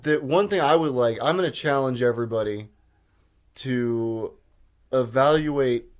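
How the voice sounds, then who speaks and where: Podcast co-host, young man, middle pitch, rambling, laughy, casual banter. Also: unhurried. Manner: laughs often, trails off with fillers. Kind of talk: casual chat.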